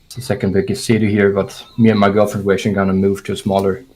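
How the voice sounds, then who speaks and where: This young fitness coach, German-born and Swedish-raised, speaks very fast in a fairly low, level, slightly mellow voice, his accent mixing German and Swedish. In casual podcast talk he hesitates, restarts thoughts and works them out aloud. The audio is poor, with a little hiss or hum.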